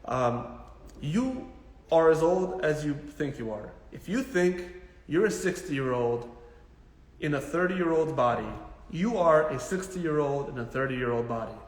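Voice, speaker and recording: A male physical therapist with a slightly high voice hosts a live Q&A, answering viewer questions with casual health advice. He's animated, blunt and jokey but unhurried, repeating points for emphasis in punchy, informal bursts. The room is reverberant.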